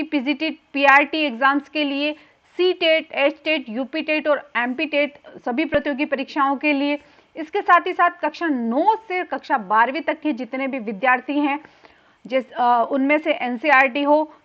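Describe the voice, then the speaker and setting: Woman, teacher, grammar lesson, high pitch, patient explaining, muffled lo-fi sound. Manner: explanatory, repeats points with fillers. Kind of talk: exam-prep grammar lesson.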